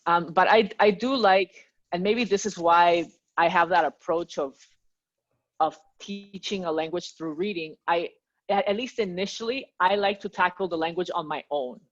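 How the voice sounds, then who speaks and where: Low-voiced woman from Peru, lo-fi. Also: moderate pace. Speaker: guest, language teacher. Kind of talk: casual interview chat.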